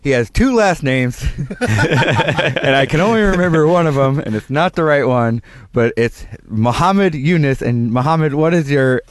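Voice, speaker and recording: A man's voice: a little high, expressive, normal speed, dry recording. A man hosting a radio show, introducing his guest in loose, laughing chat. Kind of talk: casual interview chat. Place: radio studio.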